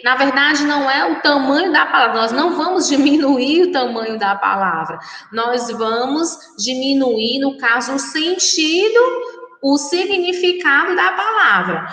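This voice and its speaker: A Brazilian woman teaching young children in a recorded remote lesson, speaking slowly and patiently with a sing-song delivery. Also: sits high, a bit bright, echoey room, long reverb tail, poor audio. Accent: Brazilian Portuguese. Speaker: primary school teacher.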